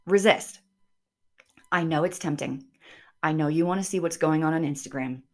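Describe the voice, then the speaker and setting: A woman with a somewhat low voice presents advice as the host of her own show. Her delivery is upbeat and tidy in the advice-vlogger manner, speaking straight to listeners with emphatic, punchy phrasing. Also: normal speed. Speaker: host of a self-improvement show. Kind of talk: scripted advice monologue to listeners.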